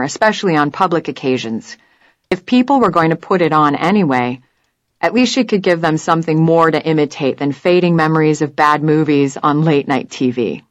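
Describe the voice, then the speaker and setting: A woman narrating an audiobook in a measured, even storytelling manner. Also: low-pitched, no echo. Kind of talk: scripted narration.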